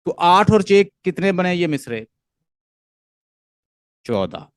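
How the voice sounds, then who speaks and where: A man's voice: high voice, sing-song, slow pace. A man with a Pakistani accent giving an online literature lecture, explaining step by step, repeating points and mixing English terms into his speech. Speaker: literature teacher.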